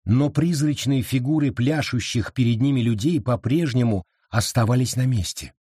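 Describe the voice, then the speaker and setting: Man, audiobook narration, husky, dry, steady measured storytelling. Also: medium pitch, no echo. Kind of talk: scripted narration.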